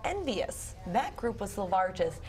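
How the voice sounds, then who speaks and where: A woman's voice: medium pitch, very animated, a little slow, a little mellow. A young woman news anchor on a morning show panel, explaining research step by step in a chatty way. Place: TV news studio.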